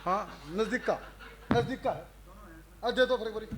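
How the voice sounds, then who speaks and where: A man reciting patriotic verse live, chanting refrains and stretching lines slowly between crowd banter. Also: sits high, a bit bright. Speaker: stage poet and emcee. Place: live event before an audience.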